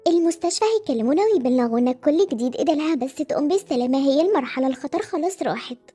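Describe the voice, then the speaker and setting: A woman with an Egyptian accent voicing a kind, caring headmistress who speaks gently and reassuringly in a game-animation story. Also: high voice, expressive, racing. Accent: Egyptian Arabic.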